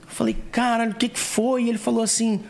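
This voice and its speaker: A man's voice: extremely high pitch, fast, creaky. A man telling a story with animation on a casual podcast, acting out the dialogue as he goes. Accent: Brazilian Portuguese. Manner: animated, acts out quoted dialogue. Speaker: guest, co-founder.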